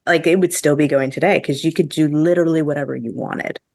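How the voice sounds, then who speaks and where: A woman's voice: low voice, steady tone, fast, vocal fry, darkish tone, no room sound, clean studio sound. A woman podcast host chatting casually and giving her opinions, with a lot of "like" thrown in. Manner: chatty, heavy use of "like", opinionated. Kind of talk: casual review chat among co-hosts.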